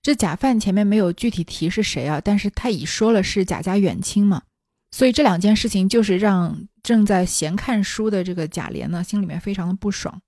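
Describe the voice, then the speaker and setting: A woman's voice: medium pitch, a little fast, warm tone, no echo, studio quality. A woman reading a classic novel aloud and explaining it in conversational asides. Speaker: storyteller.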